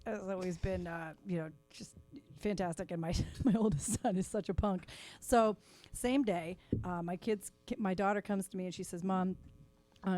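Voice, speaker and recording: A middle-aged woman comedian telling stories in casual chat, laughing often and acting out lively quoted voices. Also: mid-range voice, no room sound. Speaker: comedian guest. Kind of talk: casual storytelling. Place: podcast studio.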